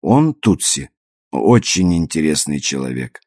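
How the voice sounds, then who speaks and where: A man reading an audiobook, voicing a brisk, caring young woman who teases and reassures. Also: very deep voice, very animated, darkish tone, no room sound, studio quality, exaggerated voice. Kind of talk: audiobook character voice.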